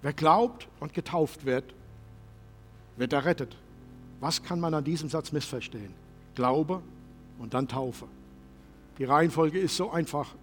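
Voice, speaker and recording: A man preaching a sermon as pastor in a church service, passionate and shifting from loud to soft. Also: a little high, unhurried, long pauses, in a large hall, slight background noise.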